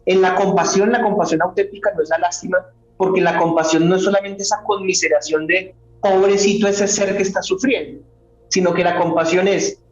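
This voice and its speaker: A man's voice: sits high, highs cut off. Roomy-sounding man explaining philosophy. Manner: measured, explanatory, with rhetorical questions. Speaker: philosophy doctoral student, guest. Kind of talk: explaining ideas in an interview.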